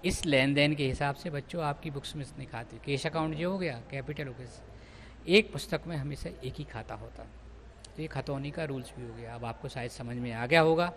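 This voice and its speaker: A man's voice: medium pitch, brisk, fairly bright tone, a little hiss or hum. A man teaching an accountancy class, explaining step by step and addressing his students as children. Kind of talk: classroom lecture.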